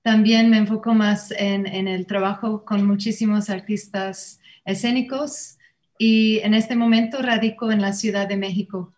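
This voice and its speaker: A woman's voice: medium pitch, steady tone, a little slow, darkish tone. Woman, earnest panel introduction. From Ireland. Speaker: Alexander Technique teacher and singer. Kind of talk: panel introduction over video call. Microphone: video call.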